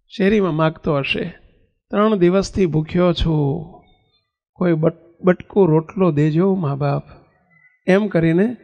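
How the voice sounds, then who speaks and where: Male preacher with a high voice, animated storyteller who voices his characters, recorded in a reverberant hall. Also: creaky. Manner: animated, acts out dialogue with raised pitch; chants a hymn verse slowly. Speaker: preacher telling a religious story. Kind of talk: devotional sermon storytelling.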